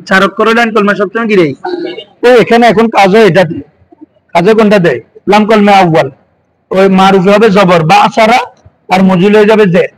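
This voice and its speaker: Poor audio carries a man's high-sitting voice as he teaches a class in a Bangladeshi Bengali accent. He explains while constantly putting questions to his students.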